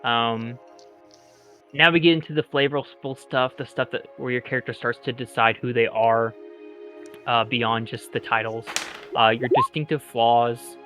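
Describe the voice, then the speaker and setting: A man acting as game master, explaining rules in a relaxed, rambling way and laughing often. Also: mid-range voice, unhurried, faint music behind. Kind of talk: running a tabletop game.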